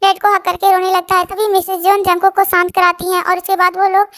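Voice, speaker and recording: A woman's voice: very high voice, monotone, brisk, fairly bright tone, no echo, studio quality. A woman casually narrating a love story, rambling and often restarting her sentences.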